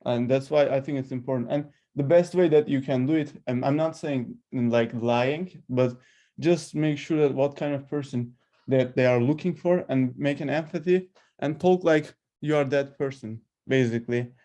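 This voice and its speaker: A man who is a non-native English speaker, giving informal, unscripted advice in a halting, conversational way with illustrative examples. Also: mid-range voice, warm tone. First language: not English. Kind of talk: informal unscripted coaching talk.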